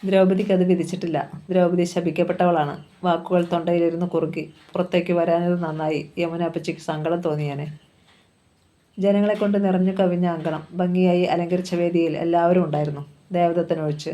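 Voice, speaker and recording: A woman reads a novel aloud, narrating calmly and evenly. Her voice sits a little low, with a mellow, soft tone. She keeps a steady audiobook manner throughout. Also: a little fast. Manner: calm, even storytelling. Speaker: novel reader.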